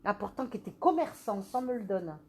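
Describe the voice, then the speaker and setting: A woman working as a medium, giving a live reading with animated, questioning speech and a habit of repeating phrases. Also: medium pitch, fairly quick.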